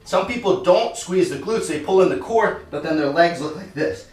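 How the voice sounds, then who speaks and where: A man's voice: sits high, lively intonation, normal speed, darkish tone. A man teaching push-up form, demonstrating as he talks and getting short of breath at times. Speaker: fitness coach. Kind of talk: workout tutorial. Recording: roomy echo, mic at a distance.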